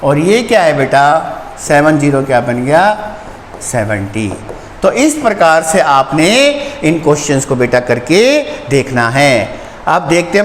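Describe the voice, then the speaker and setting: A man teaches a math lesson to young children, patiently repeating terms and answering his own questions. The recording is echoey, with a long reverb tail and a faint hum of noise behind him. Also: sits high. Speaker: school teacher.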